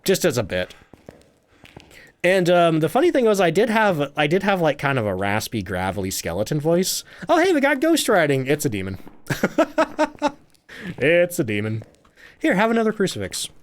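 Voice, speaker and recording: Man, game streamer, chatty, laughs a lot, bouncy animated pitch. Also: normal speed. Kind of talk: live gameplay commentary, reading chat.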